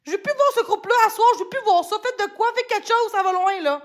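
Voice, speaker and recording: A woman with a Québécois accent ranting on a livestream, swearing constantly and often shouting. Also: very high voice, quick pace. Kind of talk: angry livestream rant.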